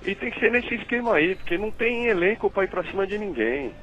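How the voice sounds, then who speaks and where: A man's voice: high voice, animated, fast talker, fairly bright tone, lo-fi sound. A man with a Brazilian Portuguese accent calling in to a radio football debate, blunt and disagreeing, with faint music behind. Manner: blunt, keeps saying "mano". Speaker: caller.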